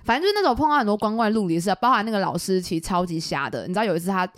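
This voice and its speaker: Fast, animated young Taiwanese woman. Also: medium pitch, no room sound, studio quality. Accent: Taiwanese Mandarin. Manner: animated, acts out quoted people in lively voices. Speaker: podcast co-host. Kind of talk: casual chat storytelling.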